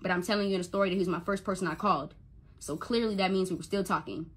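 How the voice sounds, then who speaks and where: A woman's voice: fairly low pitch, steady tone, rapid-fire, slightly rough. A young woman telling an emotional personal story to the camera as a mother, stuttering and repeating words when she gets upset.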